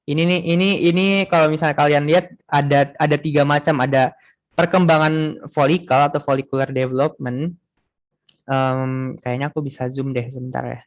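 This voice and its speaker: A man's voice: a little high, fairly even intonation, moderate pace. A young man tutoring a class online in a casual way, thinking aloud with many fillers and restarts.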